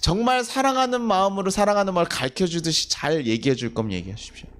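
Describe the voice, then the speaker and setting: In a church sanctuary, a middle-aged male pastor preaches a sermon, his voice sitting high, quick and fairly bright. He repeatedly puts questions to the congregation and answers them himself, acting out quoted family scolding in a livelier voice.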